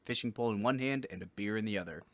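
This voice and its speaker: Deadpan man reading game text. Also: fairly low pitch, rapid-fire, slight background noise. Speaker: let's play co-host reading game text aloud. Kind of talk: dry read-aloud narration of a visual novel.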